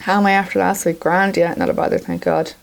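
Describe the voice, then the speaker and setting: A woman's voice: lowish voice, flat delivery, fast talker, gravelly, a little hiss or hum. An Irish woman co-hosting a podcast, chatting casually in a colloquial way. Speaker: podcast co-host. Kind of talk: casual chat.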